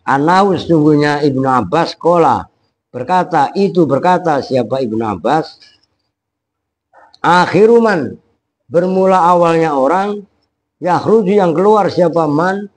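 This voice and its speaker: Casting: man, kitab teacher, slightly high voice, loose and chatty. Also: expressive, a little slow, long pauses. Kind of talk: pesantren kitab lesson, word-by-word translation.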